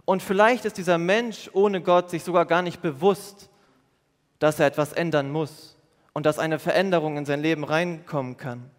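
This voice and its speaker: A man preaching a youth service sermon, earnest and explanatory, repeating his key phrases. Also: a little high. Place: church hall. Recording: long church hall reverb.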